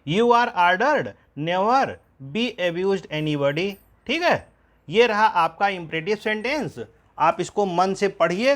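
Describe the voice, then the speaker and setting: Male grammar teacher, slow dictation, rhetorical questions, fairly high voice, unhurried. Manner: slow, dictates English example sentences word by word; asks questions then answers them himself. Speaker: English teacher. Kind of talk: grammar lesson.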